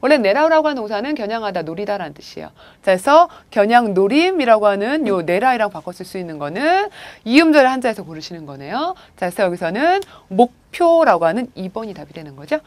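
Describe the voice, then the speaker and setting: A woman's voice: mid-range voice, very animated, fast talker, hardly any pauses, no echo. A woman teaching a recorded video lecture on vocabulary, guiding students with frequent prompts and rhetorical questions. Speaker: Japanese language teacher.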